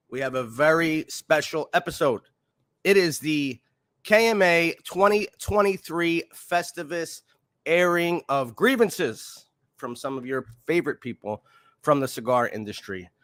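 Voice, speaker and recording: A man's voice: fairly high pitch, a bit bright, dry recording, studio quality. A man hosting a talk show with a nasal, stuffed-up voice from being a little sick, casually introducing the program. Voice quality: nasal, congested. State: slightly sick with a stuffed nose. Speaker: show host.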